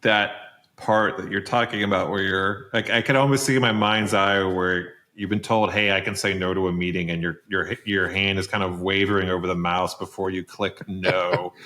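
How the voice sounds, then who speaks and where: A male podcast host with a fairly low voice and a sharp, bright tone. He asks long, winding questions full of restarts and slips into jokey riffs. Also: fairly even intonation, normal speed. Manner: playful and joking, rambling questions with restarts. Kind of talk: casual conversational interview.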